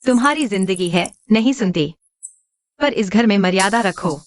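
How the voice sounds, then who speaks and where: A woman's voice: medium pitch, animated, moderate pace, no room sound, natural voice. A woman voicing a proud elder sister who scolds and worries by turns, in a dubbed drama. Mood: stern. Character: proud elder sister, stern but torn. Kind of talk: Hindi drama dubbing.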